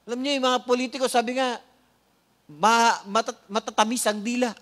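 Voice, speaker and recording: A man with a Filipino accent preaching a sermon, often asking the congregation "Amen?" and slowing down to stress key words, with light joking asides. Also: extremely high pitch, fairly even intonation, a bit bright. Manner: frequent "Amen?" prompts to the congregation. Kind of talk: sermon with opening prayer.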